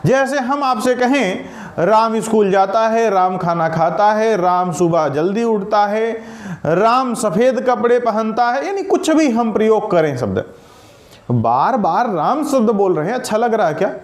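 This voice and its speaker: A man teaching a recorded grammar lesson. He asks questions, answers them himself, and repeats key sentences slowly. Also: sits high, animated, reverberant.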